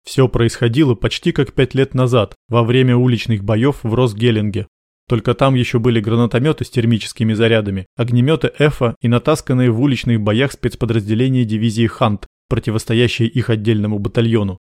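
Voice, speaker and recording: Guy reading an audiobook, even mid voice, dead dry room. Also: medium pitch, brisk, dry recording. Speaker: audiobook reader. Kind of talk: audiobook narration.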